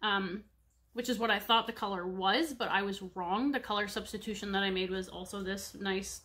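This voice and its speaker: Her nose stuffed up, a woman in her thirties who vlogs about cross-stitch rambles through a casual show-and-tell for viewers from a room at home, using many fillers. The webcam sits at desk distance and catches a mid-range, fairly bright voice with fairly even intonation at a normal speed.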